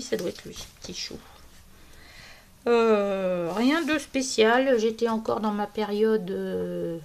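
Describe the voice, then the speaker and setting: A woman's voice: mid-range voice, vocal fry, a little mellow, a little hiss or hum. A woman from France chatting casually about her coloured pages as a hobby vlogger, hesitant and often searching for words.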